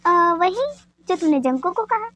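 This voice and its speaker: A woman voicing a steady young husband who talks in a calming, reassuring way. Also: very high-pitched, unhurried, dry recording, full character voice.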